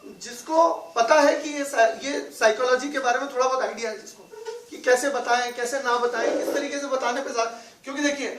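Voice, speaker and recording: A man's voice: extremely high pitch, fairly bright tone. A man giving a business training seminar to a live audience. He mixes English phrases into his talk and keeps checking with the audience through questions. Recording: echoey room, voice from far off.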